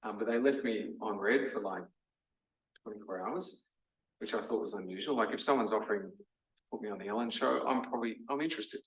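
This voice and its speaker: An Australian man giving a casual lecture, chatty and full of fillers like "um" and "like". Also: fairly low pitch. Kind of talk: casual masterclass talk. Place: lecture room. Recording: roomy hall, mic from a distance.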